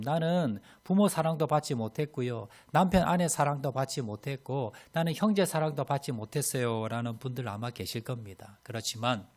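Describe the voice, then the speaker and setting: A man as pastor, preaching a Sunday sermon in a church and leading the congregation in readings and greetings. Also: mid-range voice. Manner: leads congregation in readings and greetings, lively storytelling. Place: church sanctuary.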